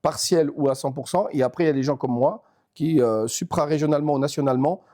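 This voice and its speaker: A Swiss man in an interview, talking about his network organization in quick, chatty bursts with lots of restarts. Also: a little high, mellow. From Switzerland. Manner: fast, talkative, many restarts and repeated words. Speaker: network organization regional leader. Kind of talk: casual interview talk.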